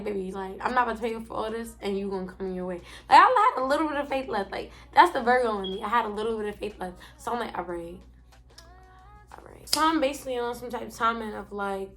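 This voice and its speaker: A young woman vlogger telling a story in a casual, slangy way from her bed, acting out what she and others said. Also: medium pitch. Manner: animated, slangy, acts out her own quotes.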